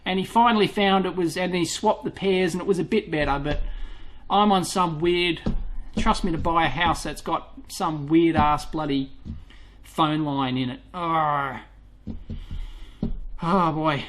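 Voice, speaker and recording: A man's voice: on the high side, fairly even intonation, moderate pace, fairly bright tone. Blunt young Australian man on a live stream. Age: young adult. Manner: blunt, swears casually, rising sentence endings. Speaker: electronics vlog host.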